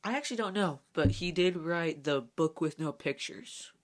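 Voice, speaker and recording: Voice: medium pitch, lively intonation, normal speed. A podcast co-host in casual chat, hesitant and full of fillers, slipping in jokes. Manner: hesitant, filler-heavy, jokey.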